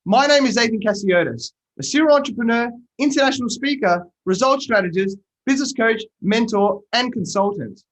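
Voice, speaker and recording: A man hosting a business podcast over a video call, with a fairly high voice. He delivers his introductions with punch and emphasis, then asks his questions in a looser, halting way full of fillers. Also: a bit bright. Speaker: podcast host. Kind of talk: interview.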